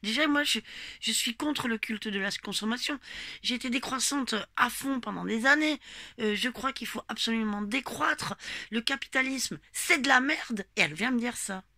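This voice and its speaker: A woman telling her listeners about a protest in a loose, rambling, animated way, swearing often and speaking to them directly. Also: fairly high pitch, moderate pace, dry recording, studio quality. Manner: animated, emphatic storytelling with frequent swearing. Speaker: gilet jaune protester recounting a march. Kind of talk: casual spoken personal account.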